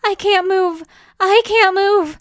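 A woman voicing a broken, dying young man who pleads through tears in a high whimper. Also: fairly even intonation, slow pace, no room sound, studio quality. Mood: tearful pleading.

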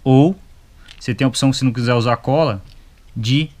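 This product reviewer, a young adult with a Brazilian accent, has a mid-range voice with a darkish tone and a fairly quick pace. He gives a casual, colloquial demo one step at a time in an indoor motorcycle gear shop, tossing in short tags to check in.

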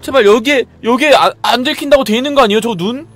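A man's voice: very high-pitched, fast talker, fairly bright tone, soft background music. A man giving live commentary as he plays a horror game, jumpy, exclaiming and muttering to himself.

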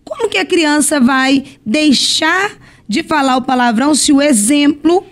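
A woman's voice: high-pitched, animated, measured pace. Brazilian woman bishop teaching by example. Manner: explanatory, tells stories with acted quotes. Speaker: church bishop guest. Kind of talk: teaching, religious podcast talk.

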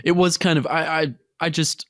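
A man's voice: a little high, little pitch movement, moderate pace, a bit bright, dry recording, clean studio sound. A man co-hosting a fan podcast in casual chat, rambling with many restarts. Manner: rambling, frequent restarts and laughs. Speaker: podcast co-host.

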